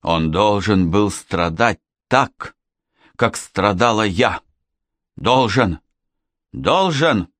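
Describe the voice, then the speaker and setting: A man voicing a desperate, obsessive seventeen-year-old girl with a shrill, clinging manner. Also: unhurried, a bit bright, no echo, lightly acted. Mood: bitter.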